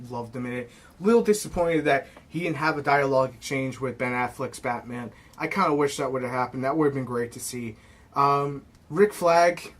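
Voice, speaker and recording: A young man from New York giving a casual, excitable film review, blunt and swearing freely. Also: mid-range voice. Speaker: movie reviewer.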